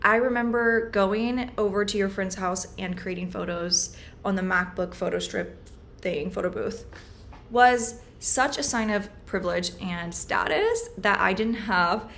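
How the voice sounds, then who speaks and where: A young woman vlogging at home, chatty and self-aware, her thoughts wandering as she talks at an even middle pitch. She speaks into her laptop's built-in mic, with a faint hiss underneath. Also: unhurried. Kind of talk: casual video journal.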